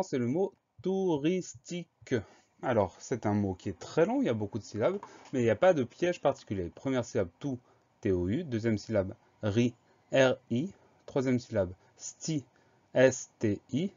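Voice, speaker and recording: A man's voice: mid-range voice, darkish tone. A man teaching a spelling lesson, patiently explaining each word step by step and spelling it out letter by letter. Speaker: primary school spelling teacher. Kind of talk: slow, methodical spelling lesson. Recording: slightly dull lo-fi recording.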